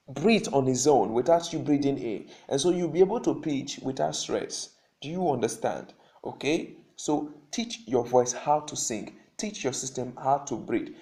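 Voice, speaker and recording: A man of ordinary middle pitch talks through a vocal lesson from his seat. He explains each step plainly and repeats his key points. He often pauses to check that the listener is following. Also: mellow. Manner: instructive, repeats points, asks "okay?"; seated while talking. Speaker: vocal coach. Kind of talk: spoken singing lesson.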